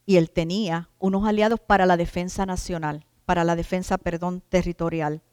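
A woman's voice: lowish voice, steady tone, brisk, darkish tone, smooth, no echo, studio quality, in a large hall. A woman preacher giving an emphatic sermon, stretching out key words and addressing the congregation as brothers.

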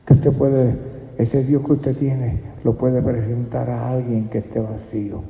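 A man preaching a fervent, pleading sermon in a gravelly voice. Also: medium pitch, flat delivery, measured pace. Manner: fervent, pleading, rises to near shouts. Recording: dull, echoey hall.

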